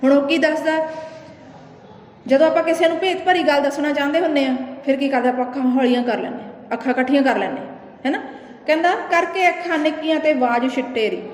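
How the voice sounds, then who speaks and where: High-voiced Punjabi woman teaching in an echoey room. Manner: recites verse slowly, then explains in plain talk. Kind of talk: lecture explaining a poem. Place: classroom. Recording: echoey room with faint noise.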